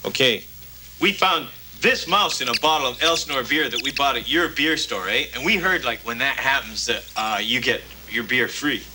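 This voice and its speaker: An actor playing a bossy, dim young Canadian man with a flat, slangy drawl and a Canadian accent. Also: medium pitch, normal speed, a little hiss or hum, low-quality recording. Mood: haggling. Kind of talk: film comedy dialogue.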